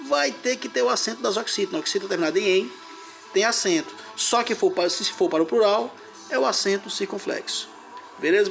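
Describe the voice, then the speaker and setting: A man's voice: high-pitched, creaky, fairly bright tone. A man teaching a grammar lesson, explaining step by step and splitting words into syllables.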